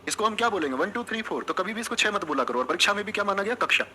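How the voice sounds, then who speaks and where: A man's voice: high voice, lively intonation, racing, bright, forceful tone, a little hiss or hum. A male teacher giving an exam coaching lesson, drilling students with repeated questions and answers and calling them friends and brothers. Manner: addresses listeners as friends and brothers. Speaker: Hindi teacher.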